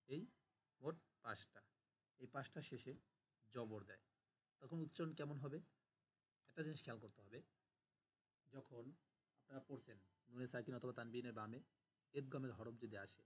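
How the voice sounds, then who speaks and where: A man's voice: mid-range voice, a little hiss or hum. A man teaching a grammar class, patiently explaining and repeating word forms aloud for students to drill. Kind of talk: online class lecture.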